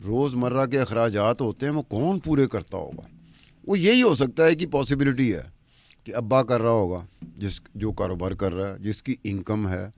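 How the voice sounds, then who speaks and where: A man's voice: medium pitch, lively intonation. Man firing rhetorical questions. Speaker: podcast commentator. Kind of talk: argumentative podcast talk. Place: studio with a woman anchor.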